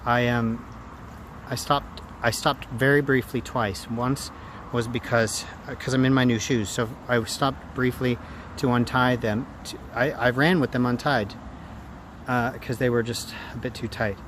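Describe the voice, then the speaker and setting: A man talking casually and reflectively to a handheld phone in a rambling vlog, in halting phrases. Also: mid-range voice, steady tone, a bit bright. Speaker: running vlogger. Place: outdoors after a run. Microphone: handheld phone camera at arm's length. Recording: outdoor noise, traffic ambience.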